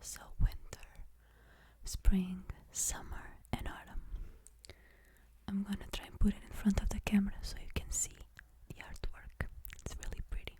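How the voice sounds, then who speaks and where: A woman whispering softly in a gentle ASMR style, slowly showing the pieces of a board game. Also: medium pitch, completely flat delivery, breathy edge. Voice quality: soft whispering. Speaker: ASMR creator. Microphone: close mic.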